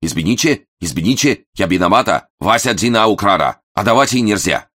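A man's voice: fairly low pitch, animated, a little fast, fairly bright tone, voice pushed up. A man voicing a loyal, apologetic manservant who speaks in broken phrases.

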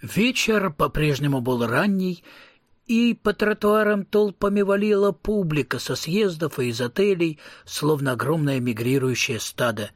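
A man narrating a novel as an audiobook reader, in an even, wry storytelling manner. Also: fairly high pitch, no echo, clean studio sound.

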